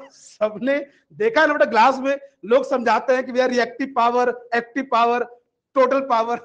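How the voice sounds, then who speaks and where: A man lectures an exam-prep class in a very high voice. He is chatty and coaxing, calling his students "beta" and "bhaiya". The recording is dull and lo-fi. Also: a bit bright. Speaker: exam coaching teacher.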